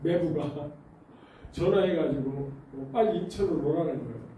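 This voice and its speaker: Echoey, dark-voiced male pastor preaching. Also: a little high, moderate pace, far from the mic, highs cut off, slight background noise. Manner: animated storytelling with rhetorical questions to the congregation. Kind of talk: sermon. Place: church sanctuary. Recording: very echoey church hall, voice off-mic.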